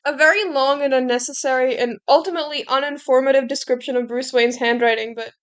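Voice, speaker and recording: A woman's voice: sits high, fairly even intonation, fast, clean tone. A young woman reading fanfiction aloud with wry, sarcastic asides. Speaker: fanfiction reader and commentator. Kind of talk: casual comedic read-along commentary.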